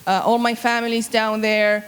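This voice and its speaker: A woman from Argentina speaks to students in a friendly tone, with a few light fillers. Her voice sits fairly high. Long hall reverb surrounds her. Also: little pitch movement, moderate pace, clear, resonant tone. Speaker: banquet speaker, university researcher. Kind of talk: speech to students.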